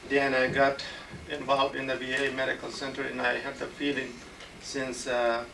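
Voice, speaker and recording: A man in his forties with an Afghan accent, a physician giving a formal lecture in a halting way, with many pauses and fillers. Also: medium pitch, completely flat delivery, creaky. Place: auditorium at a medical center. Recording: echoey hall recorded from far off, noisy.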